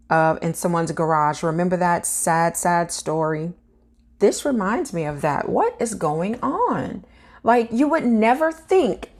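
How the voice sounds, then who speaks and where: A woman reading out a news story and then chatting earnestly to her viewers about it. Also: fairly low pitch. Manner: earnest, addresses viewers directly. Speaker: vlogger.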